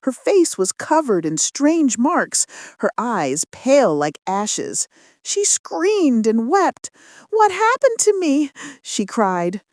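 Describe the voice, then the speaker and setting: A woman narrates a folktale slowly and dramatically, her pitch rising and falling widely. The delivery is scripted storytelling with strong emotion in the words. It is recorded close and dry, with no room sound. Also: sing-song, darkish tone, dry recording.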